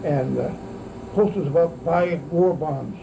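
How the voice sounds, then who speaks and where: A very elderly American man with an aged, creaky voice recalls the past casually, in a halting, rambling old man's way, often tagging thoughts with "see". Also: fairly high pitch. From United States. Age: very elderly, about 90s or older. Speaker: grandfather recalling wartime childhood. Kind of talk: casual oral-history reminiscence. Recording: noisy, steady insect-like background hum.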